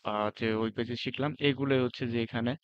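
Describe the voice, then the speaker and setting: A man casually walking through a beginner language lesson, relaxed and pausing with fillers, mixing in English words. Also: mid-range voice, a little hiss or hum. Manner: relaxed, often pauses with fillers while explaining. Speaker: language teacher. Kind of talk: casual spoken lesson walkthrough. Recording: dull lo-fi sound.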